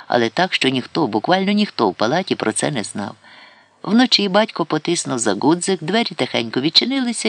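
Male audiobook narrator, steady and measured, gravelly, dry close recording. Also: medium pitch, dry recording. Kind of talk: scripted narration.

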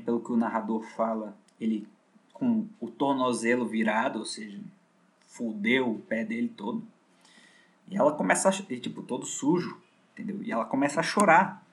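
A man, hosting a podcast and casually retelling a book's plot in slangy, profane speech full of fillers. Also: medium pitch. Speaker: podcast host.

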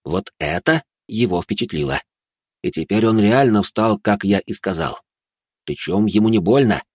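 A man reads a first-person story in a tense, dramatic manner. His voice is low and husky. The sound is dry and close to the mic. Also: expressive, moderate pace, dry recording. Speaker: narrator.

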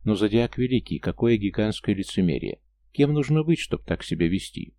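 Man, audiobook narrator, first-person story, very deep voice, dry wry delivery. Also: lively intonation, moderate pace, mellow.

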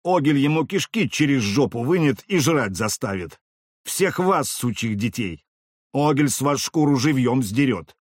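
A man's voice: medium pitch, expressive, measured pace, dry recording, studio quality, pitched above the performer's own voice. A man voicing a drunk, crude male town guard sergeant who barks his coarse threats. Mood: gloating, threatening. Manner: barking, coarse, suspicious.

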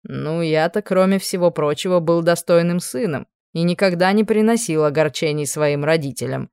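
A woman voicing a sly middle-aged king who fakes illness, in a slow, hoarse, wheezing voice. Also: on the low side, darkish tone, dry recording, studio quality, close to an everyday voice. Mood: smug.

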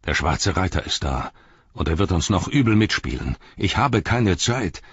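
A man voicing a grave, commanding old wizard who speaks in a deep, measured, stern way, in a dull, dry recording. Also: big pitch swings, husky, no echo, full character voice.

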